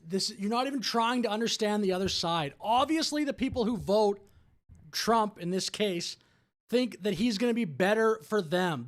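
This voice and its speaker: A man with a notably high voice delivers political reaction commentary. He argues each point with exasperation, pushing back hard on what he has just heard. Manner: argumentative, exasperated. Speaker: commentary host.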